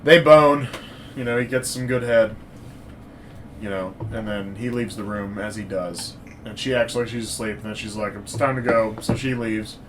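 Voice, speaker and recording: A man's voice: mid-range voice, a little hiss or hum. Joking man recapping a movie. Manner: recaps the plot loosely, acting out lines in jokey voices. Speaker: podcast co-host. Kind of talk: casual movie review chat.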